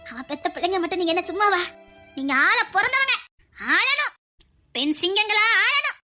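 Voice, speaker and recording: A woman's voice: very high-pitched, big pitch swings, moderate pace, pushed and bright, faint music behind, heavily acted. A woman playing a proud, sentimental old grandmother with a Tirunelveli accent. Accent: Tirunelveli Tamil. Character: proud loving elderly grandmother, emotional. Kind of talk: comedy skit acting.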